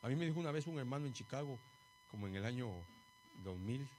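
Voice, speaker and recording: A man preaching a sermon, animated, calling the congregation "brother" and joking about himself. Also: mid-range voice, fast, slight background noise.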